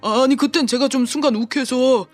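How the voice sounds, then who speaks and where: A man's voice: very high-pitched, fairly even intonation, moderate pace, soft background music. A man voicing a petty, hotheaded young male scammer in an audio drama, stammering and swinging between taunting and groveling. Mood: nervous.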